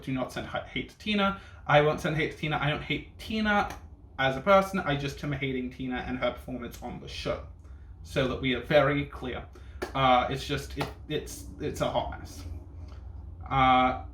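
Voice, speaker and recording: A man's voice: medium pitch, fairly bright tone. A man giving casual reaction commentary as a reviewer, with a sassy, bitchy drag-queen delivery full of camp slang and swearing. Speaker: reviewer hosting a ranking video. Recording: echoey room with faint noise.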